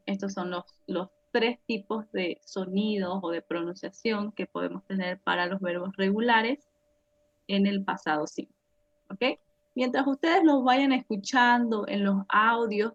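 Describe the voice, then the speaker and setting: Slow, patient woman teacher. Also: mid-range voice. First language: Spanish. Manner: slow and patient, checks in with "ok?" constantly. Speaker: English teacher. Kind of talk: classroom lesson explaining pronunciation. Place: classroom. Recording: dull lo-fi classroom recording.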